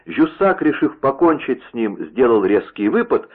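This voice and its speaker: A man narrating an adventure story in a steady, expressive reading voice. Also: mid-range voice, normal speed, breathy edge. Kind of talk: dramatic audiobook reading. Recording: tinny phone-like radio sound.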